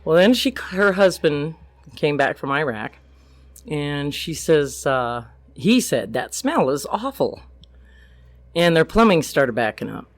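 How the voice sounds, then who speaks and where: A woman's voice: low-pitched, animated, a little slow, no room sound. An older woman, a grandmother, telling a true story as a podcast guest, plainly acting out the quoted lines.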